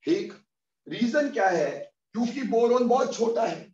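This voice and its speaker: A man with a fairly high voice lectures an online chemistry class, mixing Hindi and English. He addresses students fondly as "beta" and spells out formulas slowly, one piece at a time. The sound is muffled and roomy, with the mic set well away from him. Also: lively intonation, darkish tone. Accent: Hindi-English mix. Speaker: chemistry teacher. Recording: muffled, echoey, far from mic.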